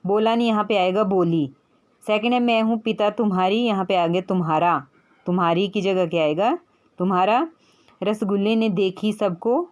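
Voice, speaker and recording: A woman's voice: medium pitch, darkish tone. Patient woman teaching a children's Hindi lesson. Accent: Punjabi-influenced Hindi. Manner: patient, asks and answers her own questions, calls the child "beta".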